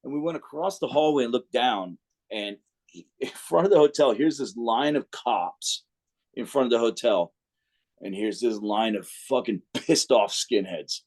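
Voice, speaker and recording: A man's voice: medium pitch, normal speed. A man with a New Jersey accent, an interview guest telling stories casually, swearing a lot and acting out what people said. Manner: profane, animated storyteller acting out quotes. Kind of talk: casual storytelling.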